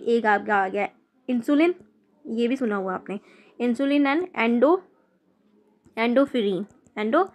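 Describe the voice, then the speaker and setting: A young woman teaching chemistry in a casual lecture, repeating terms and spelling them out letter by letter. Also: on the high side. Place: sitting downstairs with traffic outside.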